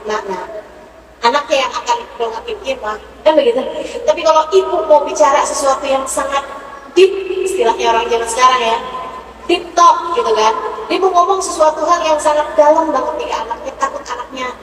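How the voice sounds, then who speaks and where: A high-voiced woman teacher preaches an intimate, heartfelt sermon, breaking into chanted verses. She sounds distant from the mic in a big echoing hall with a long reverb tail. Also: brisk, a bit bright, slight background noise. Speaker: religious teacher. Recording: echoey hall, voice from far off.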